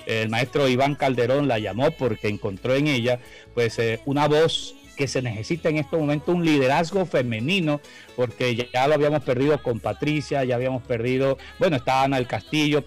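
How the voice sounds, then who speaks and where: A man, hosting a casual interview in a jovial, colloquial way. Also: mid-range voice. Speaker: interview host. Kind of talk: casual radio-style interview.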